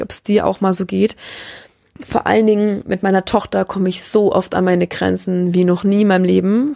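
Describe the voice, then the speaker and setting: Earnest German mother, gravelly and dry. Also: medium pitch, a little mellow, dry recording. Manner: earnest, searching, with restarts and frequent "ja?". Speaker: mother sharing parenting reflections. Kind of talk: personal reflective talk.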